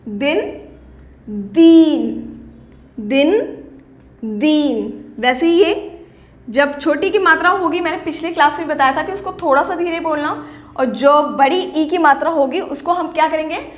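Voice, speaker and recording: A woman teaching a primary school Hindi class online, patiently drilling words slowly and often asking "ठीक है?" with a rising lift. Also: high voice. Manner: slow, drawn-out word drills. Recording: roomy echo.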